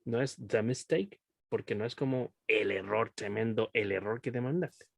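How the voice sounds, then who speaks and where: A man's voice: fairly low pitch, moderate pace, vocal fry, dry recording, studio quality. A man teaching a class over a video call, explaining patiently, often checking understanding and switching between two languages. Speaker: English teacher.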